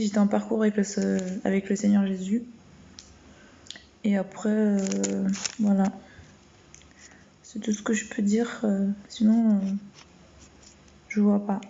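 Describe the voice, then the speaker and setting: A woman chatting casually on a late-night live stream from home, with a soft, warm voice and a hesitant way of talking, full of fillers and restarts. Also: medium pitch, gravelly, lo-fi sound, slight background noise. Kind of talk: casual live-stream chat and Bible reading.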